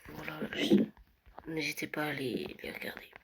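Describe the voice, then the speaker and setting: A young vlogger touring a Minecraft world late at night, often whispering and speaking softly. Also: mid-range voice, fairly even intonation, normal speed, low-quality recording. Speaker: gaming vlogger. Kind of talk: casual Minecraft world tour. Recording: loud background noise.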